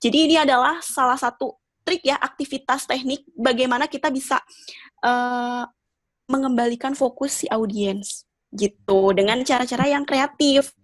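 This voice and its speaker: Female trainer, slightly high register, conversational and encouraging teaching delivery, dry recording. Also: steady tone, normal speed, no room sound. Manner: conversational and encouraging, with rhetorical questions. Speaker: public speaking trainer. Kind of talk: informal training talk addressed to learners.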